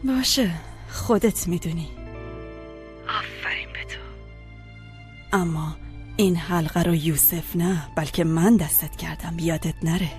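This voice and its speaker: Casting: woman as a scheming, coaxing aunt, lowish voice, music under. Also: a little mellow, close to an everyday voice. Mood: smug. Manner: smug and coaxing. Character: scheming aunt praising her niece. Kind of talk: dubbed TV drama.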